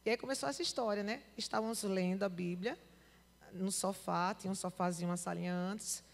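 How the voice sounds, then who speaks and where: A woman's voice: medium pitch, brisk, gravelly. A woman with a Northeastern Brazilian accent, giving a testimony in church and acting out the dialogue of her story. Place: church hall. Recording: reverberant church hall.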